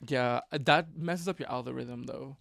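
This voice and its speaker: A man's voice: medium pitch, normal speed, vocal fry, no echo. A young man from California, a podcast guest telling stories in casual chat and acting out quotes. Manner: animated storytelling with acted-out quotes.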